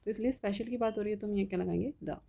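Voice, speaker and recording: A woman's voice: mid-range voice, creaky, warm tone. A woman teaching a grammar lesson for exam students. She keeps asking the class questions and answering them herself, often checking with "ठीक है?". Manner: spells example words slowly.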